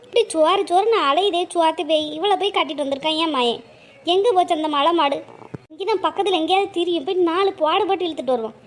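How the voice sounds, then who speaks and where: A woman's voice: very high voice, fast talker. A woman voicing a scolding village mother-in-law who grumbles to herself.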